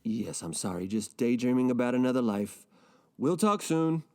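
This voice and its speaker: An actor playing a gloomy, self-pitying rich man who rambles in a deadpan, mopey way in a comedic audio drama. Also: medium pitch, normal speed, a little hiss or hum, natural voice.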